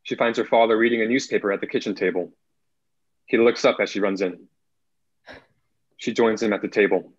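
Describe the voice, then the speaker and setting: A young man with a lowish, slightly breathy voice narrates screenplay stage directions over a video call from an indoor room. His tone is steady and his pace brisk, broken by long pauses. The computer mic makes the audio sound muffled.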